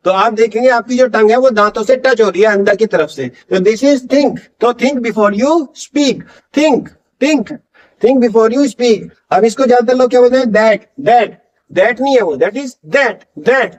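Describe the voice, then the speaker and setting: A man with a very high voice teaches pronunciation. He drills each word again and again, slowly, and asks questions before answering them himself. The recording sounds dull and lo-fi. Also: darkish tone. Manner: drills words by slow repetition. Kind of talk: classroom-style lesson.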